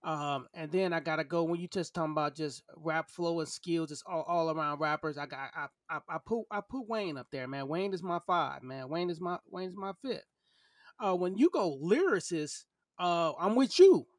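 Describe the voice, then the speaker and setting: A high-voiced man in his thirties holds forth on a casual podcast. He is opinionated and emphatic, circling back over his words to press a point. The sound is close and dry. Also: moderate pace, dry recording. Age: 30s. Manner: emphatic, opinionated, repeats himself. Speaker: podcast co-host. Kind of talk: casual opinionated debate chat.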